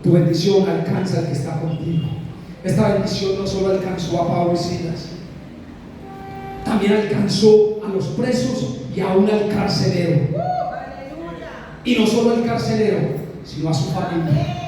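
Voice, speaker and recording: A man's voice: sits high, normal speed, pauses often, background noise. A Colombian man preaching a sermon, emphatic and repetitive, often calling out directly to the congregation. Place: large church hall. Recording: echoey church hall from a distance.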